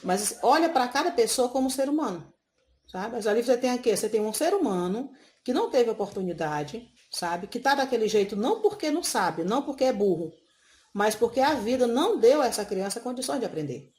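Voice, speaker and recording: A woman's voice: a little high, a little fast. A woman teacher, telling classroom stories in a casual interview and often tagging her sentences with "sabe?". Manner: expressive, tags sentences with "sabe?". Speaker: schoolteacher, interview guest.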